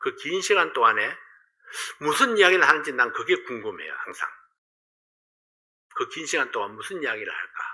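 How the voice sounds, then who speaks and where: Pastor guy preaching, super bright voice, keeps asking the crowd questions, goes loud then quiet. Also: medium pitch, sing-song, a little fast, pauses often. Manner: rhetorical questions, swings between loud emphasis and hushed asides. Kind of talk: sermon.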